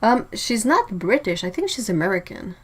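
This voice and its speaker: A woman's voice: mid-range voice, very animated, moderate pace, husky, low-quality recording. Chatty woman hosting a livestream. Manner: chatty, laughs often, reacts to chat messages. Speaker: livestream host. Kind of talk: casual livestream chat.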